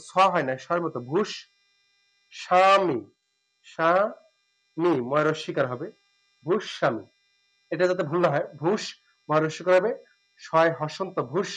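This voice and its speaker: A man giving a spoken lesson, explaining step by step and repeating words slowly and drawn out. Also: fairly high pitch, fairly bright tone, poor audio. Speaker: teacher.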